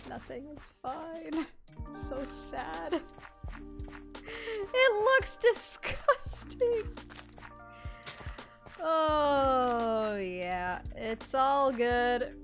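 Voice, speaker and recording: A woman's voice: high-pitched, lively intonation, drawn-out words, creaky, long pauses, a bit bright, faint music behind. A Canadian-born woman streaming a game, chatting casually and reading chat aloud, laughing often.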